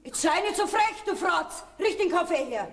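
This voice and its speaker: A woman's voice: extremely high pitch, lively intonation, moderate pace. An actress with a Bavarian accent playing a fed-up middle-aged farm wife and mother who scolds her family in a folk theater comedy. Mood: scolding. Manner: scolding, indignant, loud. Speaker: stage actor. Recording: stage recording from far off, hall reverb.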